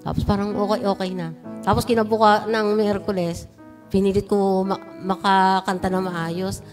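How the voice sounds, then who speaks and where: A woman telling her church testimony, recounting her story and building into loud, fervent praise. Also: mid-range voice, level tone, moderate pace, faint music behind. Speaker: church member giving testimony. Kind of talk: personal testimony at a prayer meeting. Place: church sanctuary.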